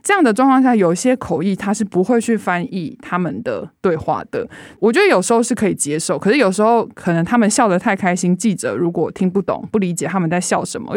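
Woman host, Taiwanese Mandarin accent, slightly low voice, quick conversational questions, dry sound. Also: expressive, a little mellow, no echo. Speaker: podcast host, interviewer. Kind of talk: conversational interviewing.

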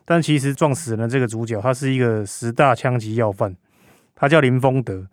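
A man's voice: medium pitch, a little fast, no echo, clean studio sound. A man with a Taiwanese Mandarin accent recounts a case conversationally as a reporter, speaking through a face mask. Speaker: crime reporter as podcast guest.

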